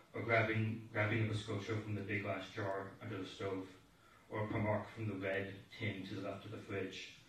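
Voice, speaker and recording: Man, lower register, steady reflective eulogy reader; echoey hall, distant mic, faint noise. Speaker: grandson giving a eulogy. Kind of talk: read eulogy. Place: large echoey hall at a memorial service.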